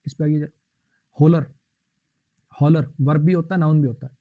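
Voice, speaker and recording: A man with a fairly high voice teaches English vocabulary in a live online class. He explains words with playful memory tricks and reads the example sentences slowly. The sound is tinny and phone-like, with no room echo. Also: steady tone.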